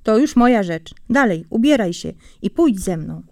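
A woman's voice: medium pitch, animated, normal speed, a little mellow, no room sound, studio quality, close to an everyday voice. A woman reading a storybook, voicing a clever, stubborn male hedgehog who is cunning and bossy. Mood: sly. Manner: cunning, bossy to his wife.

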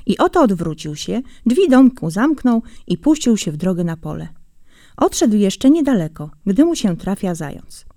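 A woman reading a fairy tale aloud in a calm, measured storytelling manner. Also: mid-range voice, no echo, clean studio sound. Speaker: audiobook reader.

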